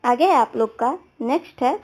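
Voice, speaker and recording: Explaining exam questions, this female exam-prep teacher works through the answer options and keeps asking "theek hai" to make sure students follow, leaning on everyday examples. She speaks at a normal speed in a high, expressive voice with a darkish tone.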